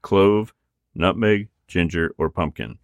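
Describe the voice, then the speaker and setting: A man's voice: slow pace, creaky, dry recording. A man hosting a Halloween trivia quiz on a show, in casual banter with frequent laughter. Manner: animated, laughs often, deep voice. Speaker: quiz host.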